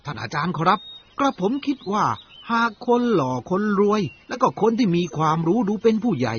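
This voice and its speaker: A man's voice: high voice, sing-song, moderate pace, a bit bright, a little hiss or hum. A man playing an earnest old brahmin father in a dramatised story, speaking politely and formally to his teacher. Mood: respectful, pondering. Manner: polite, deferential, old-fashioned formal speech. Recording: dull lo-fi audio with clear music behind.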